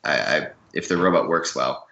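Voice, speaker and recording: A man hosting a casual panel and reading out award winners in a relaxed way. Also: a bass voice, moderate pace. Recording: roomy lo-fi sound.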